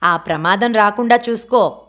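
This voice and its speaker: A woman voicing a sharp-tongued older aunt who scolds her lazy nephew, read in an audiobook. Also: medium pitch, normal speed, lightly acted. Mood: reproachful. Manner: scolding, reproachful.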